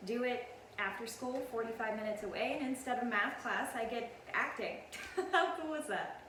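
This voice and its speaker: An eighteen-year-old woman from Tennessee, chatting excitedly as she introduces herself. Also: fairly high pitch, moderate pace, slight background noise. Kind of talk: self-introduction. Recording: echoey room, distant mic.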